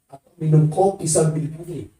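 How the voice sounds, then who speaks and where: A woman's voice: low-pitched, normal speed, dark tone. A woman preaching a sermon, emphatic and calling out to the congregation, sometimes singing her phrases. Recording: echoey hall, voice from far off.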